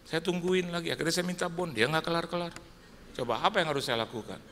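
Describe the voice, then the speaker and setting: A man preaching a sermon as pastor, telling stories with lively acted-out dialogue, shifting between hushed and loud. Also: a little high, quick pace. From Indonesia. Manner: animated storytelling, acts out dialogue, swings from hushed to loud. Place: large church hall. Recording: live church hall reverb, faint room noise.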